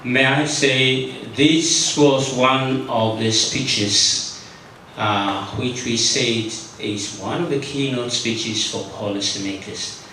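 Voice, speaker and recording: A man's voice: mid-range voice, slow, bright, forceful tone. A man moderating a conference, giving courteous, formal thanks. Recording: echoey hall, distant mic, noise.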